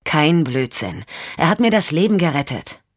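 An audiobook reader voicing a steady male investigator who stays calm and reassuring under pressure. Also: mid-range voice, brisk, dry recording, clean studio sound, lightly acted. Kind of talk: audiobook reading.

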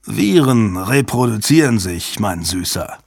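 A man voicing a brash, loud male computer security chief who talks in a sarcastic, booming, scornful way. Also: moderate pace, no room sound, clean studio sound, close to an everyday voice.

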